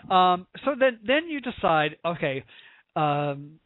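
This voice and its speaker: A man's voice: high-pitched, big pitch swings, takes it slowly, no echo. An American man hosting a chat show, gushing and joking in a campy way, with many restarts. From United States. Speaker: host. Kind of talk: casual interview chat. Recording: tinny dry phone-like line.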